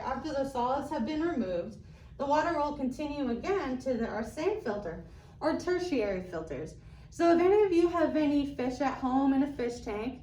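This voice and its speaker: A staff member at a wastewater treatment plant leads viewers on an educational vlog tour, explaining each step plainly with everyday comparisons. Her high voice is a little mellow, but the audio is poor, reverberant, and recorded from a distant mic.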